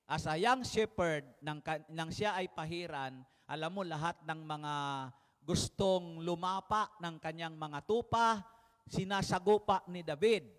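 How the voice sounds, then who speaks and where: A man's voice: fairly high pitch, a little slow. A man preaching a sermon to a congregation, telling the story vividly and asking them questions. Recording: reverberant hall.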